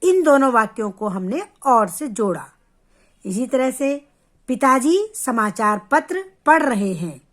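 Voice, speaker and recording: A woman teaching children a grammar lesson, explaining slowly and stretching out sounds to show how they are spoken. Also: a little high.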